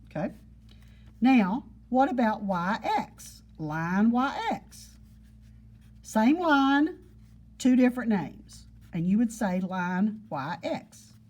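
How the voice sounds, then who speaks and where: Husky-voiced woman teaching a class. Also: fairly high pitch, big pitch swings, slow, darkish tone. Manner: patient, repeats points with everyday examples. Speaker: geometry teacher. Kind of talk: classroom lesson. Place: classroom with students.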